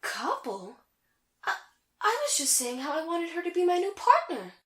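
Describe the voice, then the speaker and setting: A woman's voice: very high-pitched, huge pitch swings, normal speed, fairly bright tone, echoey room, full character voice. A woman playing a vain, haughty sorceress in a comedic anime fan audio drama, with a boastful, theatrical delivery. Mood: indignant, flustered.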